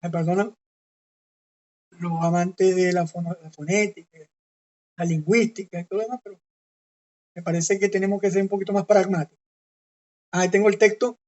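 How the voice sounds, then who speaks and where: Woman leading an online Bible lesson, unhurried and methodical, dull lo-fi computer audio. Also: medium pitch, darkish tone. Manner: methodical, often checks in with listeners. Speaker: Bible teacher.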